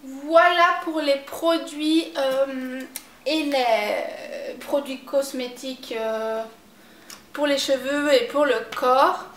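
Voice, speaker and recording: A young woman, chatting casually about a shopping haul as a beauty vlogger, hesitant and pausing often with filler sounds. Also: sits high, fairly even intonation, a bit bright. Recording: echoey room.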